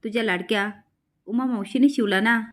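A woman's voice: fairly high pitch, a little fast, natural voice. A spiteful young woman, pleased with her own trick and muttering smugly to herself, read out by a woman. It is told as a storybook recap.

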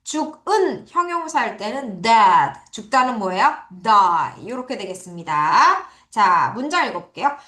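A woman teacher giving an online vocabulary lecture, drilling pronunciation by slowly repeating words for her students. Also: fairly high pitch, very animated, pushed and bright. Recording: echoey room.

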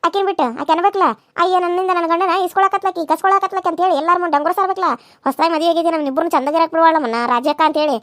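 A shrill, rapid, sarcastic village wife scolding her husband in a cartoon, speaking in a North Karnataka accent, as a woman voices her. The recording is dry and close. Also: steady tone, a bit bright, dry recording. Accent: North Karnataka Kannada. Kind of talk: cartoon serial voice acting.

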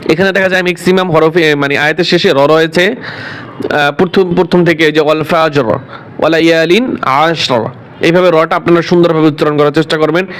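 A man teaching Quran recitation, explaining the rules quickly and then reciting the verses slowly and drawn out. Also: on the high side, steady tone, fairly bright tone. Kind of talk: step-by-step recitation lesson.

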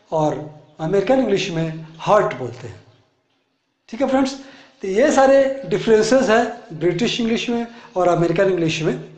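A man teaches an English lesson in an echoey classroom, and his voice sits high. He explains the words one at a time and says each one again, slowly. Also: a little mellow.

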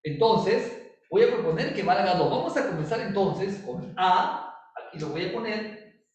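A male chemistry teacher explains step by step in a playful, teasing way, checking in with his class again and again. His voice sits high and moves with lively swings. The sound is far from the mic in a strongly echoing room. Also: a little slow, highs cut off. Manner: playful, teasing, asks many check questions. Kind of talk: recorded classroom lesson. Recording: very echoey room, distant mic.

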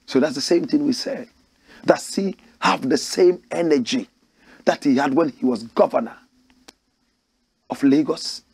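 A man's voice: fairly high pitch, unhurried, creaky, pauses often, a little mellow, slightly rough, no room sound. A man hosting a political commentary show, reading a news report aloud and breaking in with emphatic, preachy asides and rhetorical questions.

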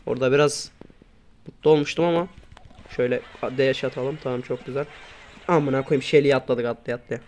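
A man doing casual gameplay commentary, grumbling and swearing at his teammates, then breaking into sudden loud outbursts. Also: mid-range voice, steady tone, fairly quick, a little hiss or hum. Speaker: gaming YouTuber.

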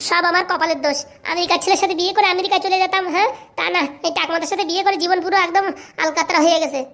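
A woman voicing a quarrelsome cartoon wife who keeps scolding and insulting. Her voice is very high and she rattles along very fast. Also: steady tone, fairly bright tone. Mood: angry.

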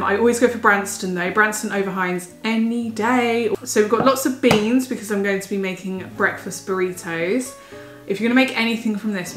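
A young pregnant woman, a little out of breath, chatting enthusiastically in a casual food haul vlog at home. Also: mid-range voice. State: heavily pregnant, a bit out of breath. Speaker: vlogger. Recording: roomy home recording with faint music.

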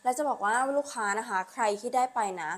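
A woman selling on a live stream, with a repetitive, urging sales pitch full of polite particles. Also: quick pace. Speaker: live-stream online seller.

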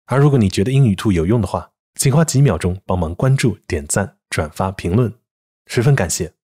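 A man teaching English pronunciation in a calm, steady scripted voice-over, slowly demonstrating example words. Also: lowish voice, husky.

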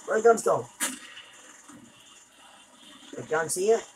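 A woman's voice: fairly low pitch, expressive, slow pace, a little mellow, slight background noise, rough recording. A woman commenting on her gameplay as she plays, frustrated, exclaiming and cursing at the game. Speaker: gamer.

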